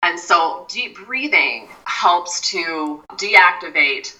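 A mindfulness expert guest explains things to an interviewer in a measured, step-by-step way, often restarting her sentences. Her voice is low with a sharp, bright, expressive tone. She sounds somewhat distant from the mic, and the sound is lo-fi.

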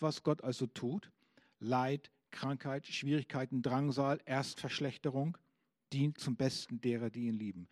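A man's voice: medium pitch, a little mellow, no room sound, clean studio sound. A man preaching a sermon, asking the congregation questions and reading out scripture with emphasis.

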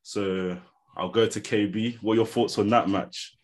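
A man's voice: fairly low pitch, fairly even intonation, normal speed, darkish tone. A man with an urban London accent and slangy roadman manner, hosting a casual football chat. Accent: London, urban street slang. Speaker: podcast host.

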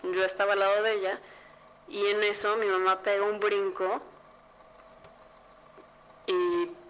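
A woman's voice: medium pitch, little pitch movement, a little slow, clear, resonant tone. A young adult woman with a Mexican accent telling a personal ghost story in a chatty, casual way, full of fillers. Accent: Mexican Spanish. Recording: dull lo-fi recording with faint noise.

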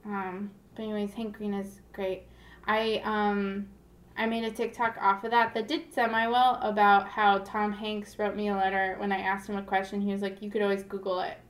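A woman's voice: mid-range voice, flat delivery, moderate pace, echoey room. A woman from Florida chatting casually as a host, rambling with lots of fillers and restarts. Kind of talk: casual chat.

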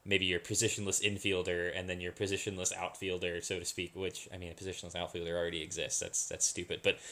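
A man co-hosting a casual sports podcast, talking in a halting way, repeating words and laughing easily. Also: sits low, flat delivery, sharp tone. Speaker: podcast co-host.

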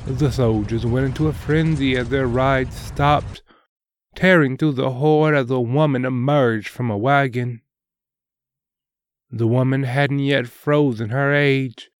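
A man hosting and narrating a serial story, reading scripted dramatic prose in a measured, deliberate way. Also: mid-range voice, clear, resonant tone, dry recording, clean studio sound.

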